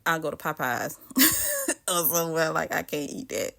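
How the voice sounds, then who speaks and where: Chatty Southern woman, lowish voice. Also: wildly swooping pitch, normal speed, gravelly, a bit bright. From Southern United States. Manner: chatty, talks straight to viewers with frequent asides. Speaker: cooking vlogger. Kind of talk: casual chat while cooking.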